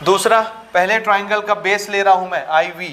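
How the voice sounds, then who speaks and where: High-voiced man teaching maths. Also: steady tone, moderate pace, bright, forceful tone, a little hiss or hum. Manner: keeps checking if students follow, switches into English for terms. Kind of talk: blackboard-style maths lesson.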